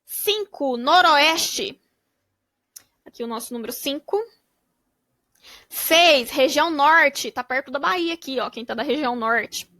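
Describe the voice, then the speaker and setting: A woman teacher with a high, bright voice, sounding out syllables slowly and patiently for children. The recording is dry and close, with no room around her. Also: animated, dry recording. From Brazil. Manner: slow, syllable-by-syllable reading. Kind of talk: spelling out syllables for young pupils.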